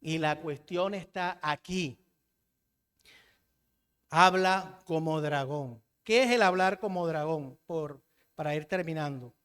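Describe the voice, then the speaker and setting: A man's voice: fairly high pitch, slow pace, pauses often, fairly bright tone, clean tone, in a large hall. A Colombian man preaching a sermon in a church, asking the congregation questions and having them call back the answers.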